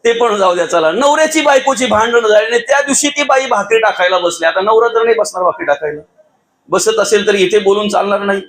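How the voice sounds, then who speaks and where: A high-pitched man delivering a devotional sermon with a rural Thane-region Marathi accent. He preaches emphatically, swinging between raised, near-shouted lines and softer asides, and keeps calling his listeners Mauli. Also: animated, fairly quick, poor audio. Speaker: kirtankar preacher.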